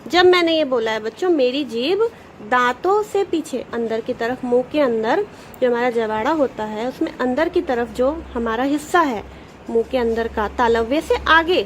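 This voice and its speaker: High-voiced woman teaching children. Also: a little hiss or hum, rough recording. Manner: patient, explains step by step, sounds out letters slowly; addresses pupils directly, asks questions then answers them. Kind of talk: Hindi grammar lesson for children.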